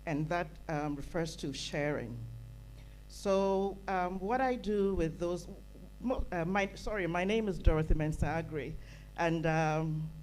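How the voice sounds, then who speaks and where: A woman's voice: on the low side, a little slow, darkish tone, a little hiss or hum, rough recording. A woman from Ghana, speaking earnestly from the floor at a conference, repeating phrases for emphasis. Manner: earnest, emphatic, builds with repetition. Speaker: audience member at a conference. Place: conference hall. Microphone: handheld microphone.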